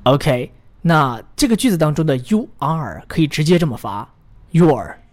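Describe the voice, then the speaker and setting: A sing-song, slightly high male voice belongs to an encouraging English teacher giving a pronunciation drill lesson, who slowly models phrases, pauses for the listener to echo them, and often offers praise.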